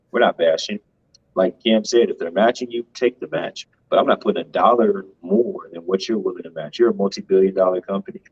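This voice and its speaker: Husky low-voiced man, emphatic. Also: muffled recording. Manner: emphatic, tags points with "right?". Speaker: co-host of a finance show. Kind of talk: casual financial commentary.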